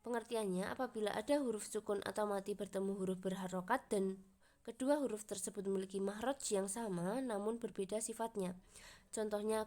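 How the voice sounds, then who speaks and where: A young university student from Indonesia, a woman, presents her coursework in a steady, explanatory read. Her voice sits at an ordinary middle pitch for a woman. She slows down carefully whenever she recites the Arabic examples. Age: young adult. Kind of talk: reading a class presentation.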